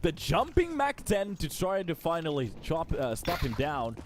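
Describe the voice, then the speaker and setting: A Finnish esports caster keeps things casual and chatty, talking to his chat between plays, his fairly high voice swooping wildly in pitch though his pace stays measured. There's heavy background noise.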